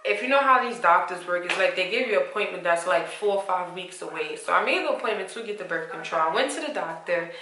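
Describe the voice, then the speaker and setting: A young woman vlogger telling her pregnancy stories frankly, with slangy, animated delivery that jumps in pitch whenever she acts out what people said. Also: fast, few pauses, reverberant, slight background noise, poor audio. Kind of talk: candid storytelling to camera.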